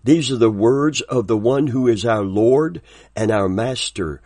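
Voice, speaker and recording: A man preaching a sermon, quoting scripture slowly and deliberately, with frequent amens. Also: medium pitch, a little mellow, no echo, studio quality.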